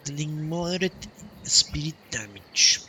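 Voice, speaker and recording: A man's voice: a little high, expressive, unhurried, pushed and bright, slight background noise. A man live streaming a game, casually thinking aloud and muttering to himself as he reads menus. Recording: clear game music behind voice. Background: video game music.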